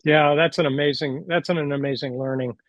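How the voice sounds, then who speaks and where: A man's voice: a little high, steady tone, brisk, a bit bright. Male podcast host, encouraging interviewer on a video call, muffled audio. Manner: affirming, short encouraging replies. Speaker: podcast host, business coach.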